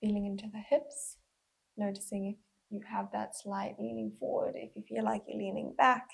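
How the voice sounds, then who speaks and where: Gentle and unhurried, with pauses, a mindful movement instructor leads a guided body scan. She has a mid-range voice that's breathy and slightly husky, and her tone stays level.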